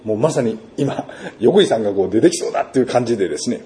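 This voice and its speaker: Mellow-voiced man preaching with lively storytelling. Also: medium pitch, rapid-fire, a little hiss or hum. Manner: storytelling with vivid sound words and rhetorical questions. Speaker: pastor. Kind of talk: sermon.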